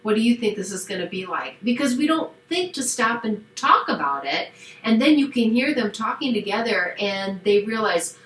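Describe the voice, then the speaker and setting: Bright-voiced woman counselor, echoey room. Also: fairly high pitch, very animated, moderate pace. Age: middle-aged or older, has grandchildren. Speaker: marriage counselor, podcast co-host. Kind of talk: casual chat. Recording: echoey room with faint ambient noise.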